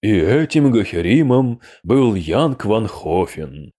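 A man voicing a theatrical male storyteller who teases and exclaims in an animated way. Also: fairly high pitch, normal speed, breathy edge, pitched above the performer's own voice, exaggerated voice. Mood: teasing.

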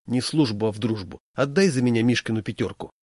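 A man's voice: medium pitch, fast, darkish tone, no echo, clean studio sound, lightly acted. A man voicing a sly male coworker who wheedles and pretends to be forgetful. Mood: scheming. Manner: wheedling then falsely forgetful.

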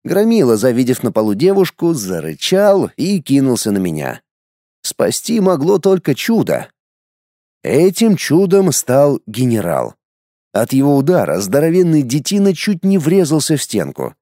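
A man reading a first-person audiobook with a wry, deadpan delivery. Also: medium pitch, moderate pace, no room sound, studio quality. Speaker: audiobook narrator.

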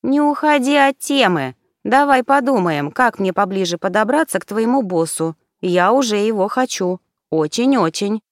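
A woman's voice: medium pitch, expressive, normal speed, dry recording, studio quality, natural voice. A woman reading a brash, bawdy young woman. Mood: eager, bawdy. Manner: outspoken, bawdy, eager. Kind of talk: audiobook character voice.

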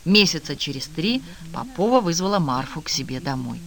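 A man reading a novel aloud in an even, measured narration. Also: on the high side. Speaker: audiobook narrator. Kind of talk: scripted narration.

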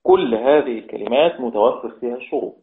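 A man teaching a religious lesson on Quran recitation. He explains step by step, repeats key words and draws out the example words slowly. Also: medium pitch. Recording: tinny phone-like sound in an echoey room.

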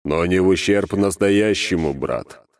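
A man reading an audiobook, voicing the calm, wise inner voice of a codex in a slow, soothing, measured manner. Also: sits low, no echo, pitched above the performer's own voice. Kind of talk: audiobook character voice.

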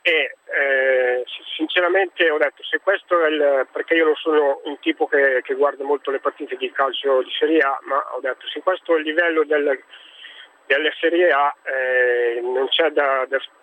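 Halting male radio show caller on phone. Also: on the high side, fairly even intonation. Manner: hesitant, halting, many fillers and restarts. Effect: phone-line call into a radio show. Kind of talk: casual chat. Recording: tinny phone line.

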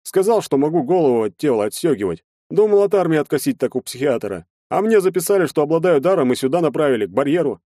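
A man's voice: a little high, big pitch swings, fast talker, hardly any pauses, mellow, dry recording, studio quality, voice pushed up. A man voicing a young male conscript who shrugs off his own lies, in a raised voice. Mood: sheepish. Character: young male conscript, sheepish draft dodger.

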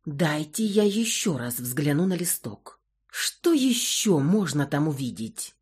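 A woman voicing a stubborn, excitable young woman in an audiobook. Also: deep voice, slow, breathy edge, exaggerated voice. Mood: explaining. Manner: insistent, eager.

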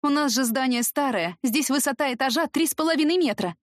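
A woman's voice: high voice, animated, a little fast, no room sound, studio quality, voice pushed up. A woman voicing a blunt, outspoken middle-aged nurse at a children's home. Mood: fretful. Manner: outspoken, fretful.

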